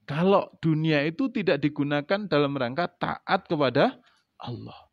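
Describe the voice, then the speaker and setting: A man with an East Javanese accent preaches in a fairly high voice that climbs into loud, emphatic peaks and then falls to low, quiet asides, and he keeps throwing questions at the congregation. The recording is dry and dull, with a lo-fi edge. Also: expressive, moderate pace, no echo. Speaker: preacher teaching a religious book. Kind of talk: sermon. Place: mosque or prayer hall gathering. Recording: dull lo-fi sound.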